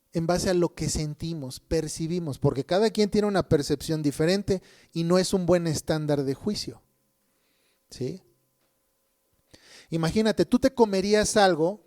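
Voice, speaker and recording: A man preaching a sermon, emphatic, often checking in with listeners. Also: high voice. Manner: says people think he is shouting.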